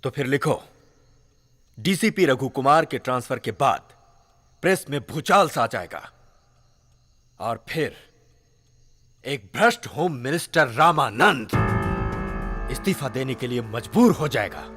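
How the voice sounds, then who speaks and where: An actor playing a domineering home minister who bullies subordinates and erupts into shouting. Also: male voice, medium pitch, very animated, measured pace, pauses often, faint music behind. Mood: menacing. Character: furious corrupt home minister, male, commanding.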